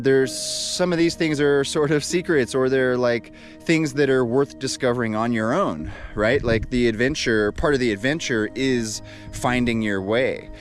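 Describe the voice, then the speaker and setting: Casual male outdoor vlogger, middle-pitched. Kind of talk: reflective casual vlog talk. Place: outdoors on a trail.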